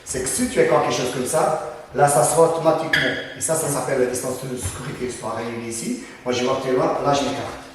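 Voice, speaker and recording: A man's voice: mid-range voice, quick pace, background noise. Man coaching from far in an echoey hall. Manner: punctuates moves with sound words. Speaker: Krav Maga instructor. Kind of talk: demonstrating self-defense techniques.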